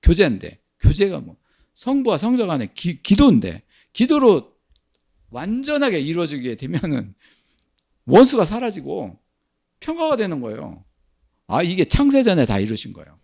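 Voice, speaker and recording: Gravelly older man preaching animatedly. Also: high voice, normal speed. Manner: animated preaching, asks and answers his own questions. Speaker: pastor. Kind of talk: sermon.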